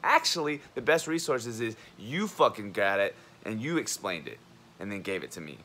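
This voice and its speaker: Profane, animated young man ranting. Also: lowish voice, moderate pace, slight background noise. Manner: profane, blunt, heated; animated, acts out others' lines. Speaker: college student and army veteran. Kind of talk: ranting vlog monologue.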